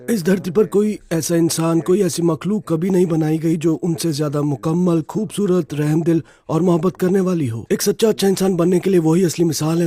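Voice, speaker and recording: A man's voice: fairly high pitch, mellow, husky. A middle-aged man giving an earnest, heartfelt personal testimony as an interview guest, often checking in with the listener.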